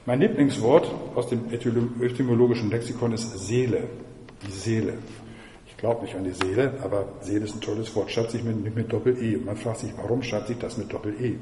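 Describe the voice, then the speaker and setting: Mellow-voiced man lecturing in an echoey hall. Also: fairly low pitch, steady tone, brisk, slight background noise. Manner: digressive, asks the audience rhetorical questions. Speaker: mathematics lecturer. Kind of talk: university lecture.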